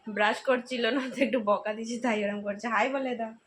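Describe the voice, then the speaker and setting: A woman's voice: fairly high pitch, fairly even intonation, fast, fairly bright tone, slight background noise. A young woman in a casual family vlog, chatting to her viewers as friends at home. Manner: coaxing, patient with her toddler. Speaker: vlogger.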